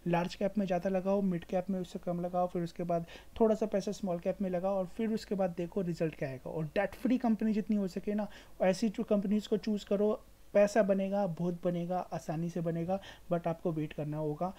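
A stock market video host, an Indian woman, talks a little fast in a mellow, relaxed, slightly low voice during an informal screen-share explainer. She repeats phrases to emphasize her advice and freely slips English words into her speech.

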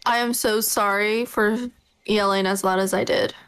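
A young woman chatting casually with friends during a game, relaxed and giggly. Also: mid-range voice, normal speed, clean tone. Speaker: gamer. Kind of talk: casual gaming chat.

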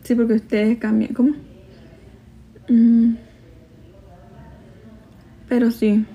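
A woman's voice: a little high, flat delivery, takes it slowly, highs cut off. A young woman from El Salvador with a Salvadoran Spanish accent tinged with Mexican, chatting casually on a livestream, gossipy and laughing easily as she answers comments. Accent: Salvadoran Spanish with some Mexican. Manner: reads viewer comments aloud. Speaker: livestream host. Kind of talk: casual live-stream chat.

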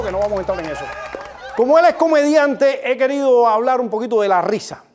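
High-voiced Cuban comedian man. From Cuba. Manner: joking, addresses the audience directly; acts out different laughs. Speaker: comedian host. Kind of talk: stand-up monologue.

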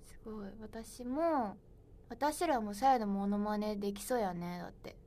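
A woman's voice: medium pitch, moderate pace, warm tone. A young woman in her twenties hosting a solo livestream, chatting playfully and reading viewer comments aloud. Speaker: idol livestream host. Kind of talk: casual livestream chat.

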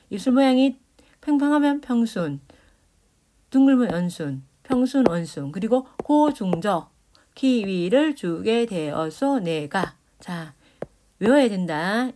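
A woman's voice: a little high, mellow, slight background noise. A woman teaching Korean grammar, explaining speech sounds, demonstrating consonants aloud and checking in with her students. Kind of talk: lecture explaining phonetics.

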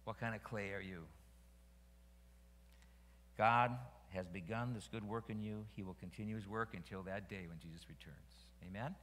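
Male pastor, bright tone, sermon delivery with repetition, church reverb. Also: lowish voice, steady tone, normal speed. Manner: preaching with rising emphasis, repeating phrases. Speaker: senior pastor. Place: church sanctuary. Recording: long reverb of a church hall.

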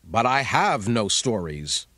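A man's voice: fairly low pitch, very animated, slow pace, pushed and bright, dry recording, full character voice. Man doing a hungry impatient weasel. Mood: greedy.

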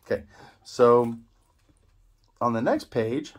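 At a table in a small indoor room, a middle-aged man helps young children with reading. He speaks slowly in a medium-pitched, sing-song voice, explaining in short, simple phrases and prompting them with questions.

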